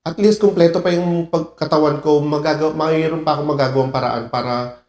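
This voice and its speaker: A man's voice: fairly high pitch, fairly even intonation, fairly quick, a little mellow, echoey room. A man hosting a reaction video, talking emotionally and dropping in English phrases. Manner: emotional, mixing English phrases, laughs often. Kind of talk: casual reaction commentary.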